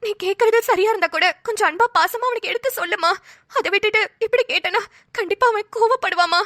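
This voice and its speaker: A woman voicing a gentle older woman who calmly coaxes a younger woman to stay patient. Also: very high voice, fast, no room sound, clean studio sound, pitched above the performer's own voice. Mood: coaxing. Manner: soothing, coaxing.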